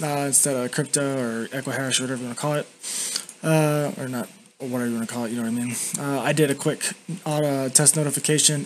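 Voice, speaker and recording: A young man giving a casual, blunt, sweary software review, talking with tobacco dip tucked in his lip. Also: mid-range voice. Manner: talks with a lip full of dip. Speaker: YouTube reviewer. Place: indoors at a home computer. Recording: constant background noise.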